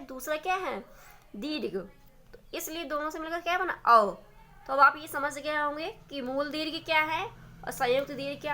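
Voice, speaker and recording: Woman teacher, high voice, bright tone, asks and answers her own questions, grammar lesson. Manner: asks questions and answers them herself, drawing out example sounds. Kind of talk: blackboard-style grammar lesson.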